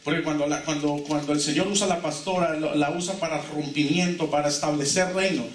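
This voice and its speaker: A man's voice: fairly high pitch, steady tone, a little fast, a little hiss or hum. A male pastor preaching with fervor and leading his congregation in call-and-response declarations. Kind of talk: sermon. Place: church hall. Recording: echoey church from a distant mic.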